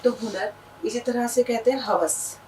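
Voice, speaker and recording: Woman teacher, Indian Urdu accent, patient explanations, fairly high voice, distant mic. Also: darkish tone, slight background noise. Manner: patient, explains words slowly with examples. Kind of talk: explanatory language lesson.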